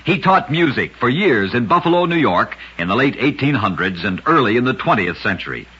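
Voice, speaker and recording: Heard through a dull, lo-fi vintage radio recording, a male host with an American accent reads scripted narration about short true oddities. He delivers it dramatically, like a storyteller, in a mid-range, husky voice that is very animated, brisk, pushed, and bright.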